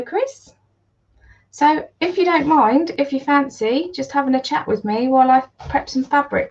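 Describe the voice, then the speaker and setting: A woman with a Geordie accent, slightly croaky, chatting in a rambling casual way while she irons during a livestream at home, greeting viewers by name. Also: high voice, darkish tone, muffled recording. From North East England. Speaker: livestream host and online seller.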